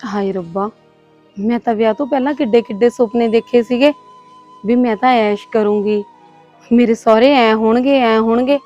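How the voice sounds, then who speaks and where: A woman's voice: a little high, normal speed, dull audio, faint music behind, close to an everyday voice. A woman playing an anxious young bride. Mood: worried. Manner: soft, pleading and worried. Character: young new bride, anxious and put-upon. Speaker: actor. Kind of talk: village short-film acting.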